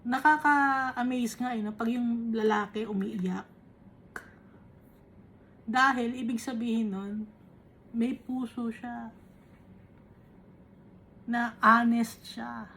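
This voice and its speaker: A woman's voice: a little high, steady tone, fairly bright tone, a little hiss or hum. Woman teaching from the Bible. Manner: Taglish, reads scripture slowly then explains conversationally with tag questions. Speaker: preacher. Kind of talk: Bible teaching, reading verses and explaining.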